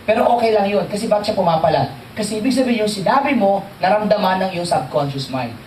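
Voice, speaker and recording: A man giving a motivational training talk to an audience, animated and joking, often quizzing the listeners. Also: high voice, fast, a little hiss or hum. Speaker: seminar trainer. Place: seminar hall with audience. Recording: echoey hall, distant mic, faint crowd.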